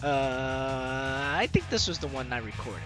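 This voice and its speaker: A young man with a medium-pitched, slightly slow voice hosts a let's play series. He reads game text aloud and tosses in informal, jokey asides while game music plays behind him.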